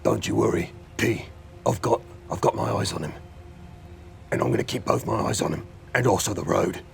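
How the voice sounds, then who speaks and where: A man's voice: lowish voice, moderate pace, creaky, faint music behind. A man playing a cheeky undercover agent and racer with a put-on South London accent in a tabletop game. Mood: confiding. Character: cocky chain-smoking male undercover agent racer. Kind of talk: tabletop game role-play.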